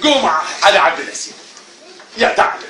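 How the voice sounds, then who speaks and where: A man with an Iraqi accent teaching a primary class, animated, drilling the children with repeated call-and-response questions and often calling out loudly. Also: high voice, fast. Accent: Iraqi Arabic. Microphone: camera at a distance. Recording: echoey classroom, mic far off, loud children and noise. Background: noisy children's chatter.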